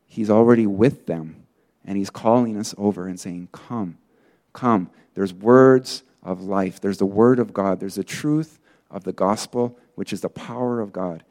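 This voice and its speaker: A man's voice: on the low side, unhurried. A man preaching in a casual storytelling way, full of fillers, acting out the people he quotes. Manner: acts out quoted people in lively bursts. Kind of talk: sermon testimony.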